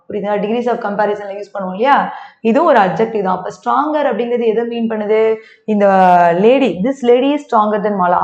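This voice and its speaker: A woman's voice: mid-range voice, a little mellow, roomy sound, muffled recording. A woman with a Tamil accent teaching an English grammar lesson for exam preparation. She switches between Tamil and English and keeps asking the class whether they follow.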